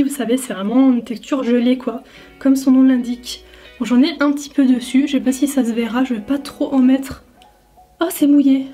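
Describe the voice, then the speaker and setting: A young French woman, a beauty vlogger, chats casually through a makeup review, thinking aloud and using lots of fillers. Her voice is high but dark in tone.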